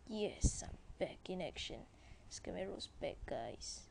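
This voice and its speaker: A woman talks through her game in a casual let's-play style, chatting to viewers as she goes. Her delivery is unhurried, with a gravelly, creaky edge to the voice. A faint hiss of noise sits underneath. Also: fairly low pitch, lively intonation, a little mellow. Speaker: gameplay commentator.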